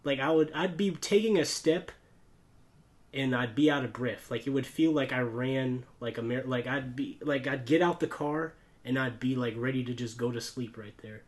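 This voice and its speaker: A man's voice: medium pitch, normal speed. An American man chatting casually and telling personal stories in a rambling, slangy way, peppered with like, dude and bro. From United States. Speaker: YouTuber, podcast host. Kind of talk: casual chat, personal storytelling.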